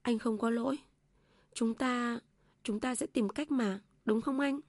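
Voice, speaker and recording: Female narrator as a gentle, tearful young wife, soft pleading tone, dry close sound. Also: fairly high pitch, a little slow, no echo, voice pushed up.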